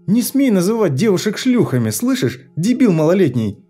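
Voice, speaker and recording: A man reading an audiobook, voicing a frightened, angry young woman who answers in sharp, indignant retorts. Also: high voice, big pitch swings, normal speed, faint music behind, voice pushed up. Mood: defiant.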